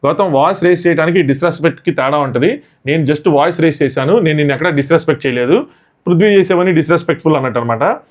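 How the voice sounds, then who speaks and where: A man reviewing a reality show episode who talks extremely fast, barely pausing between points. His voice sits a little high for a man, and he slips English words into a breathless, storytelling recap. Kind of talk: rapid episode recap commentary.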